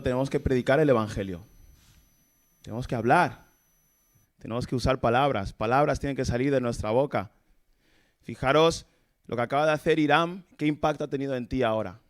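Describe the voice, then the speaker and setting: A man from Cameroon, an evangelist preacher, gives a conversational sermon at a church service. His medium-pitched voice is brisk, with frequent pauses. He's informal, poses rhetorical questions to the congregation and chuckles between points.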